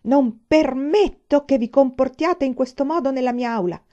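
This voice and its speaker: A prim, elderly schoolmistress, as a woman reader puts her on, scolding in a raised, indignant voice in a storybook reading. The tone stays mellow and soft, and the recording is dull and lo-fi. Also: high voice, slow pace, voice pushed up.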